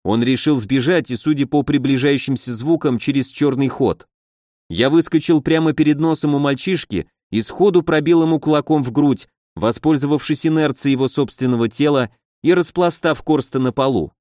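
Male audiobook narrator, mid-pitched, even steady read, dry close mic. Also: normal speed, no echo. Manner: even storytelling, voices characters. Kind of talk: first-person fantasy audiobook narration.

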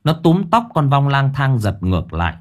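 A man narrating an audio story in an expressive storytelling manner. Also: mid-range voice, moderate pace.

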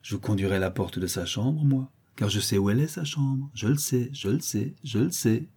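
A man's voice: on the low side, animated, a little fast, darkish tone, slightly rough. A man voicing a lame, mocking boy who taunts cruelly in a sing-song way. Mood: jeering.

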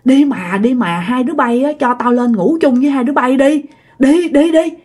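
A man's voice: high voice, animated, normal speed, mellow, slightly rough, full character voice. A woman voicing a frightened man pleading to share a bed, begging.

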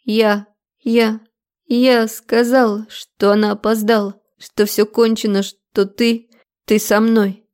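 A woman's voice: steady tone, moderate pace, gravelly, darkish tone. A woman reading an audiobook, voicing a hysterical, clingy young woman who pleads and sobs. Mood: tearful. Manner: shrill, tearful pleading. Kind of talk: audiobook character voice.

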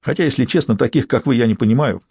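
A man's voice: mid-range voice, fast talker, gravelly, a little mellow, breathy edge, no room sound. A man reading the part of a blunt, tactless middle-aged man with a coarse, needling manner. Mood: smug.

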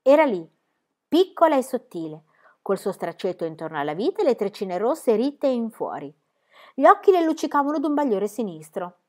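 A woman reading a children's book aloud with lively, expressive narration. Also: fairly high pitch, moderate pace.

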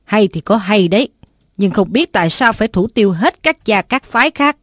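A woman's voice: medium pitch, animated, normal speed, dry recording, studio quality, lightly acted. A woman voicing a cold, stern old grandmother who answers curtly, in an audiobook. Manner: cold, curt.

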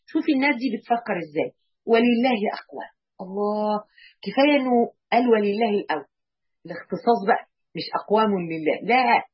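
A woman with an Egyptian accent teaching an Islamic lesson to women, exhorting fervently with rhetorical questions and reading classical passages aloud slowly. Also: mid-range voice, breathy edge, muffled recording. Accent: Egyptian Arabic. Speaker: religious teacher.

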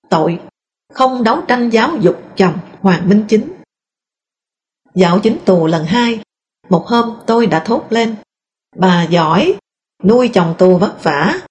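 A woman reading a first-person memoir aloud in a calm, steady storytelling voice. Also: medium pitch, a little hiss or hum. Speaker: narrator.

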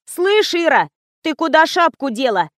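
In an audiobook, a woman voices a brash, irritable young office worker, pitching her voice higher than her own. The character snaps and scolds in a raised, lively tone that jumps around a lot, at normal speed. The recording is dry and close, with no echo.

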